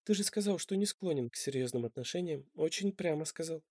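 Guy reading a feisty young woman in a storybook, ironic and stubborn, bouncy pitch. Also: expressive, fairly quick, a little mellow, no room sound, studio quality. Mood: startled. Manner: indignant, ironic retorts.

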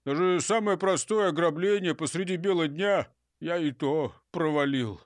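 A man's voice: on the high side, moderate pace, no room sound, studio quality, close to an everyday voice. A man reading an audiobook, voicing a clumsy, whiny male robber who complains plaintively. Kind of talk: audiobook character voice.

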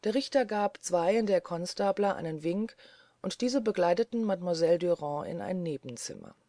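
An audiobook reader narrating a courtroom story in an even, steady way. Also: mid-range voice, normal speed, no room sound, studio quality. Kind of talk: scripted narration.

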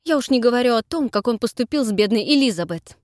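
A woman's voice: fairly high pitch, expressive, quick pace, darkish tone, no echo, studio quality, voice pushed up, natural voice. A woman reading the part of a blunt, brusque woman in her forties, curt and stern, in an audiobook.

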